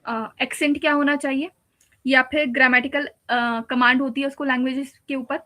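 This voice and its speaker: In a high-pitched, bright and forceful voice, a woman teacher gives an exam-prep lecture in mixed Hindi and English. She explains patiently, step by step, using repeated examples.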